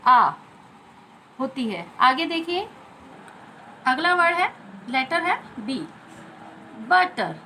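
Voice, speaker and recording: A woman's voice: extremely high pitch, bright, forceful tone, slight background noise, poor audio. An Indian woman teacher giving a phonics lesson to children, spelling out letters and repeating each sound.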